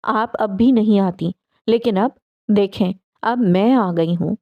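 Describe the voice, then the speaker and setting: A woman voicing an enraged young woman who shouts and bites out her words at her mother. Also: mid-range voice, no room sound, lo-fi sound, close to an everyday voice. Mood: furious. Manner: shouting, then cold and biting.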